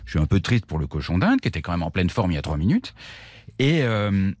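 A man telling a strange travel anecdote on a radio show, in a lively, theatrical way with whispered asides. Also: low-pitched, brisk, no room sound. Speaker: storytelling expert. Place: radio studio.

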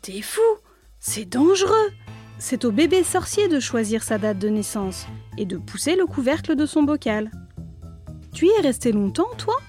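A woman voicing a spirited, bossy young witch girl, high and exclaiming, in a storybook reading. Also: moderate pace, faint music behind. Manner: lively, exclaiming, high and animated.

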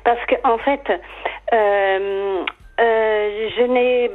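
A woman calling in to a radio show, confiding haltingly, with many restarts and fillers. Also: fairly high pitch, steady tone. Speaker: caller. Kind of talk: emotional radio call-in confiding. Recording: dull lo-fi phone line.

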